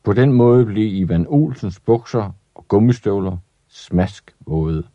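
A man reading a children's story aloud in an expressive, lively way. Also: on the low side, no room sound, lo-fi sound.

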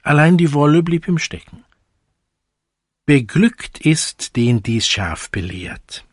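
A man's voice: fairly high pitch, very animated, slow pace, slightly rough, dry recording, clean studio sound. A man reciting fables and short poems in a declamatory, dramatic manner.

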